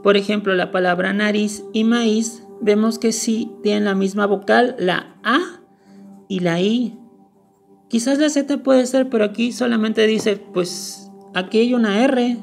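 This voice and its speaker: A woman's voice: medium pitch, a little slow, vocal fry, soft background music. A woman explaining a lesson step by step, going over each point carefully and repeating the key words. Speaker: teacher. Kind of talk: screen-recorded lesson.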